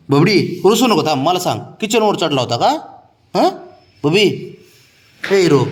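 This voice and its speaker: Male pet owner, playful coaxing tone, fairly high voice with lots of pitch swing. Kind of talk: affectionate talk to a pet.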